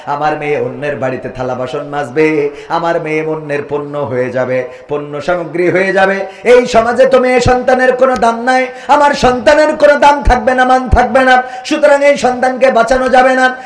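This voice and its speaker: A man preaches, telling his story in a high voice. He swings between loud, rising cries and low, hushed narration. The recording is heavily echoey. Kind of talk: sermon storytelling.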